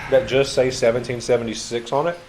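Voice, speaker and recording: A man's voice: mid-range voice, level tone, fast talker, a little mellow, a little hiss or hum. A tipsy man co-hosting a let's play, rambling in a laid-back way with dry jokes. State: tipsy from drinking. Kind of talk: casual gaming chat.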